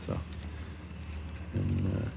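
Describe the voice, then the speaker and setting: A man narrating a casual walking tour of an old fortress outdoors, rambling with many pauses and fillers, recorded on a handheld camera mic. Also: low voice, completely flat delivery, creaky, dark tone, slight background noise. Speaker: tour guide vlogger.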